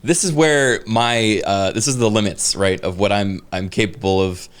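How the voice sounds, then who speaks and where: A man's voice: on the low side, normal speed, smooth. A man co-hosting a podcast, talking casually and hesitantly with lots of fillers. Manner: rambling, hesitant with many fillers. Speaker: podcast co-host. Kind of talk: casual chat.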